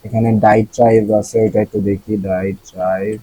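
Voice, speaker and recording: A man's voice: fairly low pitch, flat delivery, moderate pace, dark tone, breathy edge, no echo, low-quality recording. A young man with a Bangladeshi accent teaching vocabulary in a casual way, repeating each word and asking the listener questions. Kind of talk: explaining vocabulary.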